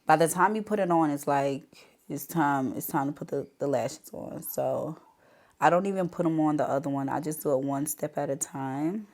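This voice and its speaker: Her nose blocked up by a cold, this beauty vlogger keeps up a chatty commentary during her makeup tutorial, speaking directly to "y'all." She has a low-pitched, darkish voice with a stuffy, congested quality and talks at a normal speed.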